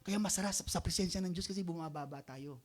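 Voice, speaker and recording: A man's voice: high-pitched, fast, darkish tone. A middle-aged Filipino man preaching a sermon in a conversational way, often calling out for an amen from the congregation. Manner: conversational preaching, mixing Tagalog and English, asking the congregation for amens. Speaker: pastor.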